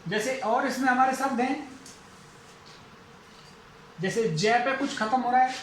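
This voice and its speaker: An Indian man teaches phonetics at a slow, deliberate pace and says each example again and again. His voice rings in an echoey room with a faint hum behind it. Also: extremely high pitch. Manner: slow, repeats each example several times. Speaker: English teacher. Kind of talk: classroom phonetics lesson.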